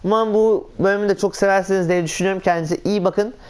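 A man giving casual, excitable commentary on his own gameplay, talking to himself and exclaiming often. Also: sits high, quick pace, background noise. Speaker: gaming channel host.

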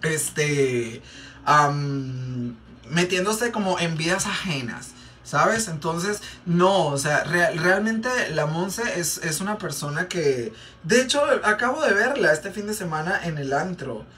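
A man's voice: on the high side, animated, slow, sharp tone. A man with a Mexican Spanish accent, chatting and rambling in a casual gossip storytime while doing makeup for a vlog, with many fillers and repeats. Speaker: makeup vlogger. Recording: distant mic, faint background noise.

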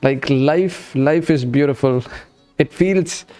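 A livestream host casually welcomes viewers while gaming at an indoor streaming setup, chummy in tone and fond of repeating short phrases. He speaks slowly in a medium-pitched voice that is mellow, clear and resonant. There's faint music in the background.

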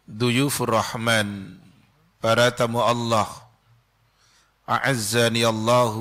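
Slow, bright-voiced man preaching a sermon. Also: medium pitch. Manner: slow, measured delivery with rapid Arabic recitation. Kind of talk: Friday sermon. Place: mosque pulpit, indoors. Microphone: stand mic close to mouth.

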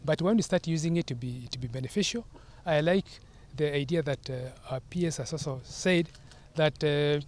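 A man, a county official speaking earnestly to the press outdoors, with "uh" pauses and restarts. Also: on the high side, a little mellow. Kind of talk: press statement. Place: outdoors at a stadium. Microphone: handheld press mics.

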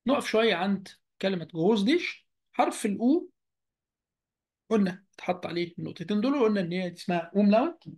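A man with an Egyptian Arabic accent, teaching a beginner German lesson over a video call. He speaks slowly and repeats each word deliberately. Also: sits high, animated, a little mellow. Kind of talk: online language lesson.

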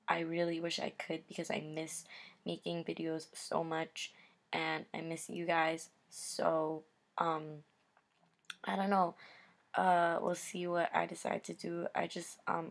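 A teenage girl talks to her viewers in a halting, apologetic ramble, stopping and restarting as she goes. A retainer slurs her consonants a little, and her low, flat voice slips into fry. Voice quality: slurred speech from a dental retainer. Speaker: YouTuber. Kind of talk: casual vlog update.

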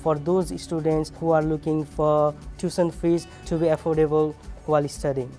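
A man's voice: a little high, little pitch movement, normal speed, warm tone, faint music behind. A young man from Nepal, a recent graduate, giving a plain, earnest promotional testimonial.

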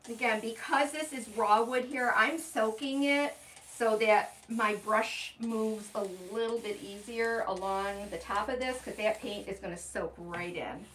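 A woman's voice: fairly high pitch, steady tone, measured pace, few pauses, fairly bright tone. An older woman demonstrating furniture painting live in a shop basement, chatting as she works. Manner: chatty, explains steps while working. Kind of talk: live how-to demonstration and chat. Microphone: far camera. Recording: distant voice, faint room noise.

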